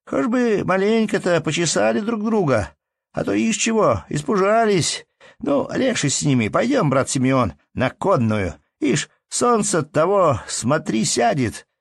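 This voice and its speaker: A man's voice: high-pitched, very animated, measured pace, vocal fry, no echo, studio quality, pitched above the performer's own voice, heavily acted. A man voicing a brash, rowdy young tailor at a fair in an audiobook. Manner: brash, boisterous.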